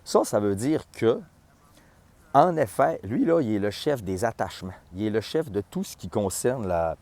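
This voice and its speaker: A man with a Quebec French accent tells a festival story in an excitable way. He swears and throws in sound effects. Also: lowish voice, moderate pace. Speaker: festival logistics director. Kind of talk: animated storytelling vlog.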